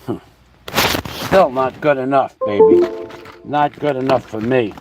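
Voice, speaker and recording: Over loud music, a livestream host from the New York and New Jersey area chats in a meandering way, his medium-pitched voice measured in pace. He spells words out letter by letter and keeps talking while fiddling with his camera setup.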